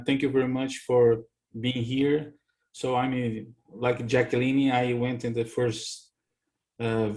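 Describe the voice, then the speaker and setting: A man's voice: medium pitch, darkish tone. A middle-aged man introducing himself on a video call, earnest with frequent fillers. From Brazil. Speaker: chemist and consultant, course participant.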